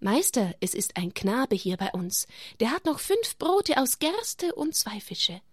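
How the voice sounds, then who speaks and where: A woman's voice: on the high side, very animated, measured pace, breathy edge, dry recording, studio quality, pitched above the performer's own voice, exaggerated voice. A woman voicing a worried male apostle in a children's Bible story, speaking earnestly and pleadingly.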